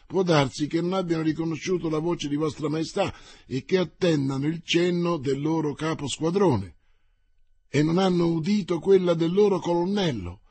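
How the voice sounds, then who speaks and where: A steady veteran swordsman speaks in measured, reasoning tones, voiced by a man reading a storybook. The voice is slightly husky and recorded dry and close. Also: fairly high pitch, no echo. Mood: calm.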